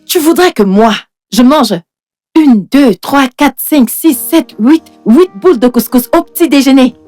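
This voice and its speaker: A woman's voice: high-pitched, lively intonation, a little slow, a little mellow, faint music behind. A woman playing a haughty, short-tempered young mistress of the house in a dubbed film drama, indignant, scolding and repeating herself. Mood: scornful, irritated.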